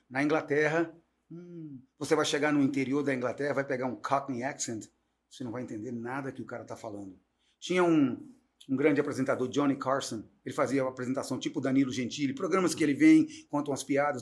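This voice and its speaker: A middle-aged man, a guest teacher, talking in an animated, chatty storytelling way on a talk show. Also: mid-range voice. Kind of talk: casual talk-show conversation.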